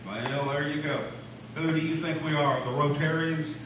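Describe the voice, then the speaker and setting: In a live comedy radio sketch, a man voices a lodge leader who is pompous, forgetful and dismissive, chairing the meeting with folksy authority. His natural voice sits on the high side, steady in tone at a moderate pace; the recording is noisy, echoey and distant-miked, from a hall.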